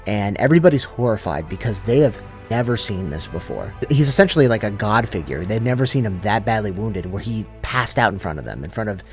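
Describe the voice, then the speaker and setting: A man's voice: on the low side, sing-song, a little fast, few pauses, faint music behind. A man casually retelling a long story in loose, slangy everyday speech, paraphrasing the characters as he goes. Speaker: lore channel host. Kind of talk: casual abridged lore retelling.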